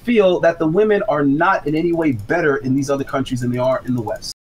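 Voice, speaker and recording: A man's voice: on the high side, fast talker. A man arguing in a heated debate, insistent and often cutting in with questions and objections. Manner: insistent, interjecting. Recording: background noise.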